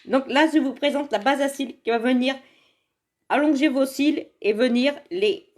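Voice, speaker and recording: Chatty woman, slightly high voice, live beauty demo into a phone at home. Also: normal speed, a little mellow. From Saint-Étienne area, France. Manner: chatty and rambling, laughs often, talks to viewers by name. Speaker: direct seller presenting makeup products. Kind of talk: casual live makeup demonstration. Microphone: phone camera in front of her.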